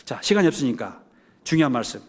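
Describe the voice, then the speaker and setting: A man's voice: medium pitch, big pitch swings, quick pace. A middle-aged male pastor with a Jeolla accent, preaching a sermon in a folksy, joking way, full of emphatic rhetorical questions. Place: church sanctuary. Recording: long church hall reverb.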